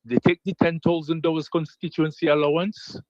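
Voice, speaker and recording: A man's voice: on the high side, little pitch movement, brisk, a little mellow, dry recording. Male caller, blunt and clipped, dull dry phone line with a stuttering signal that breaks up. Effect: choppy cell signal that cuts in and out. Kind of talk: call-in radio comment. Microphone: phone call.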